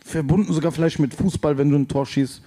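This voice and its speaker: A man, a rapper guest telling lively anecdotes in a casual chat on stage, acting out voices as he goes. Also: a little high, quick pace. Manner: animated storyteller, shouts and acts out voices in anecdotes.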